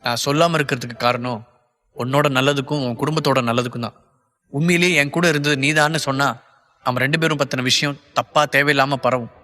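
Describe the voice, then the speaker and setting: A man's voice: medium pitch, fairly even intonation, fast, bright, forceful tone, long reverb tail, lightly acted. A man playing an earnest, pleading young lover. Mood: firm. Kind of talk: audiobook character voicing.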